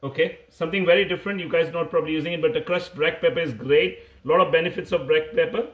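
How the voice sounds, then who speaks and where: A man in his thirties with an Indian accent hosts a live cooking stream from his home kitchen, speaking fast in a fairly high voice. He chats casually and often repeats short phrases. The sound is echoey, picked up on a phone mic.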